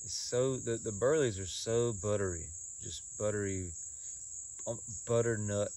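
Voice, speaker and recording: A man giving a casual solo review in a folksy, halting way, often repeating words and pausing. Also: fairly low pitch, mellow. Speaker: pipe tobacco reviewer.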